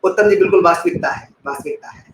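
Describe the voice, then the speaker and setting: High-voiced man teaching a live class. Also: rapid-fire, echoey room, background noise. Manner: expressive, repeats key phrases, thanks viewers by name. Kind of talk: live online class with chat replies.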